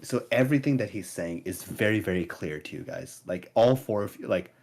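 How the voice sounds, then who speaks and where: A young man narrating as game master of a tabletop game, casual and halting with many fillers. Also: on the low side, vocal fry, darkish tone.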